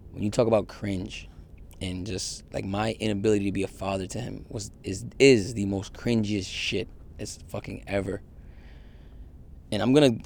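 A man's voice: on the low side, vocal fry, darkish tone. A man in a candid confessional monologue, rambling with many fillers and some swearing. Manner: rambling, heavy use of fillers and profanity. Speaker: vlogger.

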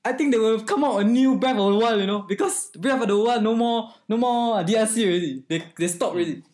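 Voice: mid-range voice, fast talker, darkish tone. A podcast co-host with a Singaporean accent chatting casually in Singlish, with clipped grammar and sentence-ending particles like lah and ah. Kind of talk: casual bantering chat.

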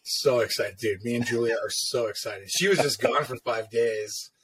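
A man in casual conversation, spinning stories with lots of energy and swearing. His pitch sits in an ordinary middle range for a man. He laughs often between lines. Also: moderate pace, slight background noise. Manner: animated storyteller, swears freely, laughs often. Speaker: podcast co-host, tattoo artist. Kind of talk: casual chat.

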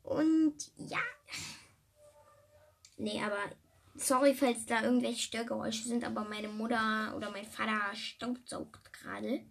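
Slow, gravelly, rambling podcast host woman. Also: fairly high pitch, fairly even intonation. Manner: rambling, many fillers and repeated words. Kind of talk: casual rambling podcast monologue. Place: at home.

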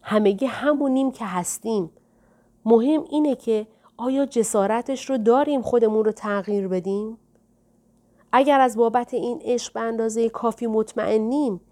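A woman reading the part of a calm, soft-spoken older man, a gentle mystic, in an audiobook. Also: fairly high pitch, lightly acted. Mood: tender.

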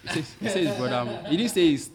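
A Nigerian man hosting a casual podcast, speaking slangy English mixed with Pidgin and often repeating his phrases excitedly. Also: fairly high pitch, fast, over a noisy crowd. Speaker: podcast host.

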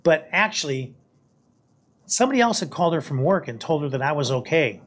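An older man, a guest on a podcast, recounting his time as a hurricane hunter pilot in a casual, halting way, often repeating words. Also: a little high, big pitch swings. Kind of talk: casual storytelling.

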